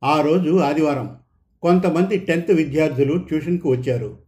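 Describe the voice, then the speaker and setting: A man reading a story aloud in an even, measured narration. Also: a little high.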